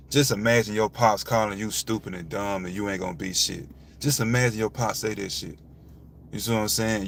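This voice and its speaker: A young man speaks frankly and animatedly in a casual talk to camera. His fairly low voice has a gravelly edge, with faint background noise. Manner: frank and animated, repeats "you see what I'm saying". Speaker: vlogger.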